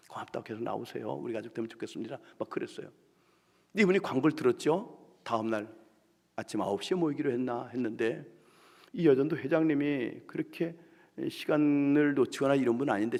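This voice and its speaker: A man preaching at a revival meeting, telling a story animatedly and acting out the people in it, dropping to hushed asides and rising to loud outbursts. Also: mid-range voice. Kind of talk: sermon with storytelling. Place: church sanctuary. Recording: long hall reverb in church.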